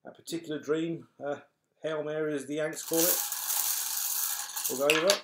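In a small furnished room at home, a middle-aged Briton reads out raffle numbers and names like a bingo caller, friendly, matey, and apologetic toward the players. He speaks at normal speed in a slightly high, steady tone, captured on a noisy home webcam with clatter in the background.

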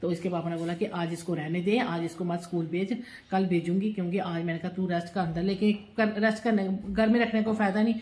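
A woman's voice: fairly low pitch, fairly even intonation, a little fast, darkish tone, reverberant. Chatty mother vlogging at home. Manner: chatty, scolding the child and pets in a raised voice. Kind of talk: casual home vlog chat. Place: home, indoors.

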